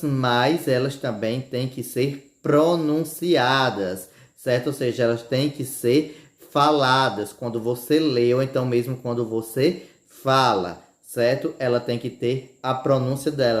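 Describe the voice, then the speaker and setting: Male teacher, mid-pitched, patient and repetitive, checking in with students constantly, recorded in an echoey home room. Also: darkish tone. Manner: repeats "certo?" after nearly every phrase, slow deliberate explanation. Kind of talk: recorded remote grammar lesson.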